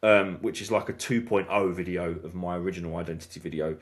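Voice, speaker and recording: Speaking fast in a low voice, this snooker channel host talks things through in a relaxed podcast chat. He stumbles a lot, restarting sentences and leaning on fillers.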